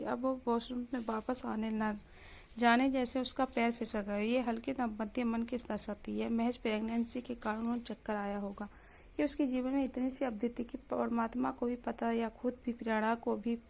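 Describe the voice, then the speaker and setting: A woman storyteller reading an emotional story aloud in an earnest, steady way. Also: on the high side, moderate pace, vocal fry. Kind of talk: scripted story narration.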